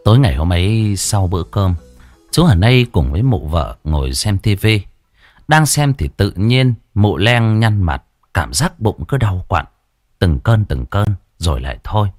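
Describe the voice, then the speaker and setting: A man narrating a scripted ghost story in a lively, expressive way. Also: on the low side, moderate pace, no echo, studio quality, faint music behind.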